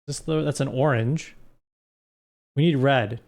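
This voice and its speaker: A man's voice: medium pitch, unhurried, creaky, a little mellow. A man streaming live, recapping a story in a rambling, joking way. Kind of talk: casual live-stream chat.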